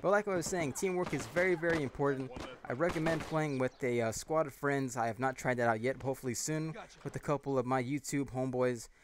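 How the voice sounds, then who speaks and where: A young man rambling casually over his gameplay as a gaming YouTuber, self-deprecating and excitable. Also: medium pitch, fairly quick, hardly any pauses, crowd noise. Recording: noisy with game gunfire. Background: game gunshots and clicks.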